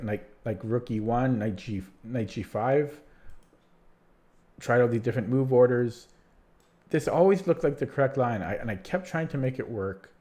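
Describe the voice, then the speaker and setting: Live-streaming chess puzzles, a man with a mellow, medium-pitched voice chats casually with his viewers. He's tired, rambles and keeps restarting, and his voice is starting to give out.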